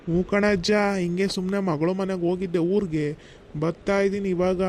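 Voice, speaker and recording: A man's voice: high voice, steady tone, moderate pace, darkish tone, a little hiss or hum, lightly acted. A man voicing Ramesh, a chatty village man. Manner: coaxing, scolding rural banter.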